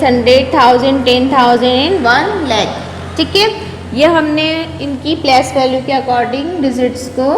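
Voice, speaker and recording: High-voiced woman teaching in an echoey room. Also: slight background noise. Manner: asks questions and answers them herself, repeats key terms. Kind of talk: classroom maths lesson. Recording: echoey room with long reverb.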